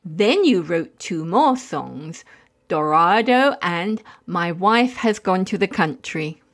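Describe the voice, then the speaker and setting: Prim, polite female interviewer played by a woman, very animated intonation, scripted comic mock interview. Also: lowish voice, slow pace, exaggerated voice. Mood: inquisitive.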